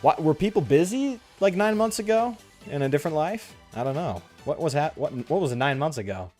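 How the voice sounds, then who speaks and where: A man's voice: fairly high pitch, animated, brisk, a little mellow. A man talking casually like a frat bro while livestreaming a game, on a close microphone. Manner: frat-bro talk full of bro and dude. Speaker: game streamer. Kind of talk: casual livestream chat over gameplay. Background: music.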